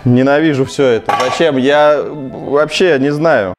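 Young male, mid pitch, casual comic vlog delivery, light music behind. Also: a little slow.

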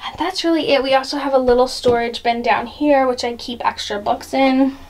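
A woman's voice: high voice, steady tone, fairly quick, darkish tone. A woman in her thirties giving a chatty, upbeat home tour, often laughing as she talks. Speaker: mom vlogger. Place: house rooms indoors.

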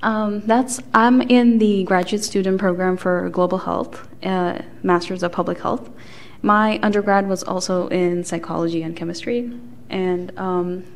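Hesitant young woman from Bangladesh. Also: fairly low pitch. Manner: relaxed, hesitant, many fillers. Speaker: graduate student co-organizer. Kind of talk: casual self-introduction.

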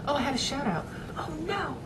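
A woman's voice: high voice, very animated, a little fast, heavy background noise. A young woman talking casually to her webcam in a small room at home, rambling with lots of fillers. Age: young adult. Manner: rambling, chatty, many fillers and restarts. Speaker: vlogger. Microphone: webcam at desk.

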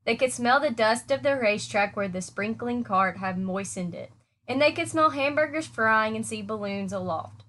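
A woman teacher reading a children's novel aloud with clear, expressive storytelling. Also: a little high, normal speed, a little hiss or hum.

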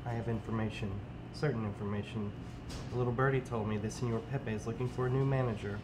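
A woman putting on a low, secretive voice as a gossiping coworker. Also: fairly even intonation, fast, noisy background. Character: sly gossiping coworker with lowered voice.

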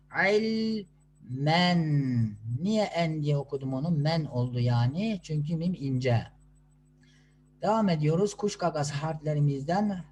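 A man teaching children to read Quranic letters, sounding out syllables slowly and patiently and answering his own questions. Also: on the high side, a little mellow, a little hiss or hum. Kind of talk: slow classroom instruction.

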